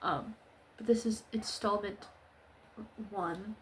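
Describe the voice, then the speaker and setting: A woman's voice: mid-range voice, steady tone, takes it slowly, a little hiss or hum. A young woman ranting sarcastically in a casual, slangy, rambling video recap full of fillers. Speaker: vlogger.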